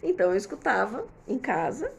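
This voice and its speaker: A woman's voice: mid-range voice, sing-song, a little fast, creaky, a little hiss or hum. A woman in her fifties gives casual parenting advice to viewers, chatting with lots of "né?" tag questions and everyday examples. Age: 50s. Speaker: host answering viewer comments.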